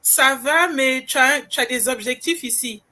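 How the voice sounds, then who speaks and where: Chatty woman event moderator with a sharp, bright tone. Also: high voice, moderate pace, a little hiss or hum. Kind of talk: casual presenting to an audience.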